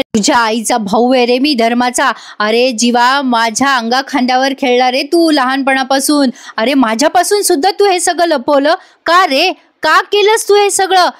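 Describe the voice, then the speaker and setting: A woman's voice: high voice, no echo, studio quality, close to an everyday voice. A woman voicing a grieving, reproachful old uncle. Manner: emotional, repeated reproachful questions.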